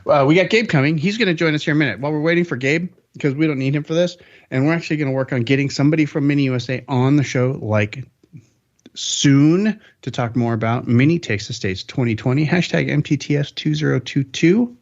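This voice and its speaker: A man's voice: a little high, fast talker. Man, podcast host, casual rambling upbeat delivery, slightly dull lo-fi sound.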